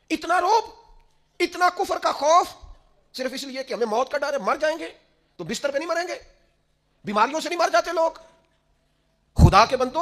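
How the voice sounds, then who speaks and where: A Pakistani man with a high, bright-edged voice delivers a sermon. He moves between soft, intimate storytelling and bursts of passionate, raised exhortation. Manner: impassioned, swings between hushed storytelling and loud exhortation. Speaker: preacher.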